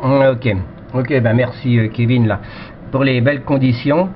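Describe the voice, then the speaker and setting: A French amateur radio operator chats casually and unscripted over the air, rambling and full of verbal tags, a little slowly in a steady, mid-range voice. He's on a cheap headset microphone, and the radio transmission sounds dull and noisy.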